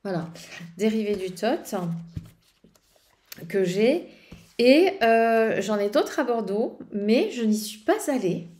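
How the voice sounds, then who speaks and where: Mellow-voiced woman rambling about cards. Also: on the high side, animated, slow, pauses often. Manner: rambling, many hesitations and restarts. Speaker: tarot vlogger. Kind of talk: casual tarot show-and-tell.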